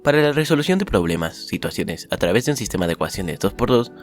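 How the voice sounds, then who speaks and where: A man reading out a summary of the day's school lessons as scripted narration, upbeat at the start, then steady. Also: on the low side, fast, faint music behind. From Mexico.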